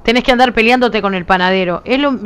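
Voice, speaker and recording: A woman's voice: on the high side, fast talker, fairly bright tone, clean tone. A woman with a Uruguayan accent, chatting casually with her viewers as a streamer, emphatic and insistent, her voice nearly gone. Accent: Uruguayan Spanish. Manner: emphatic, talks with her hands in her voice, frequent "¿viste?". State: nearly lost voice.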